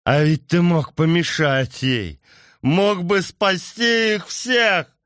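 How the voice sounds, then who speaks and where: A man's voice: a little high, sing-song, slow, dry recording, studio quality, voice pushed up. A man voicing a bitter, unhinged drunk villager who slurs, rants and cackles shrilly, in an audiobook. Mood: raging. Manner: slurring, ranting, cackling shrilly.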